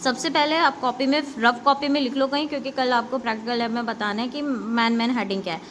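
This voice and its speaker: A woman's voice: on the high side, fairly even intonation, fast talker, fairly bright tone, a little hiss or hum. A woman teaching a basic computer lesson to schoolchildren, repeating points and often checking that they follow. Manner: repetitive, keeps checking understanding with "ok"; addresses pupils directly with instructions. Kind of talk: classroom lesson explaining basics to children.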